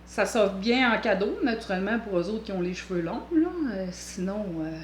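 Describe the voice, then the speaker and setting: A woman's voice: mid-range voice, lively intonation, moderate pace, echoey room, slight background noise. A woman with a Québécois accent hosting a knitting vlog, chatting casually in a rambling, playful way with jokey asides. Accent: Québécois French.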